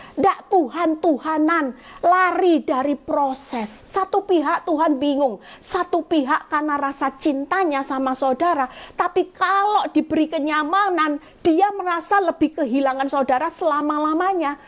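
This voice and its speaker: Lady evangelist preaching on a phone live stream, high voice, gets emotional, drags out the big words. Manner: emotional, slows to stress key words. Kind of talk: sermon on an Instagram live stream.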